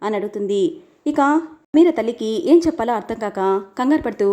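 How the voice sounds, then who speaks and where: A woman narrating a family drama, briskly acting out the dialogue as she tells it. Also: animated, mellow. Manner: quick, emotional storytelling, raising her pitch for quoted lines. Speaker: storyteller.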